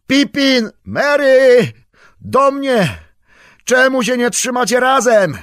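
A man voicing a frightened young male hobbit, shouting desperately for his lost friends in a storybook reading. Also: very high-pitched, very animated, slow pace, no echo, clean studio sound, pitched above the performer's own voice, full character voice.

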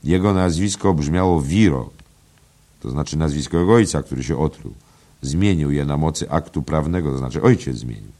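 A very deep-voiced man playing a self-assured gentleman laying out what he knows, slightly raised above his own tone. Confident and explanatory. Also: moderate pace. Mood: explaining. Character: pompous Dublin gentleman explaining.

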